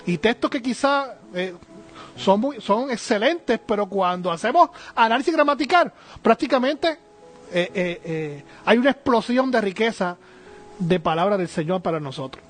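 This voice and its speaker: High-voiced earnest male Bible teacher. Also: animated, moderate pace, a bit bright, soft background music. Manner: earnest, with frequent hesitant fillers and repeated "right?".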